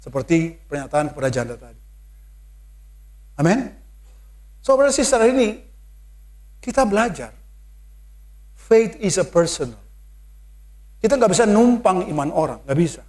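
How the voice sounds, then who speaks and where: A man with an Indonesian accent preaching a sermon in church, mixing English phrases into his talk and building to loud, emphatic calls. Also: high voice, sing-song, moderate pace, pauses often.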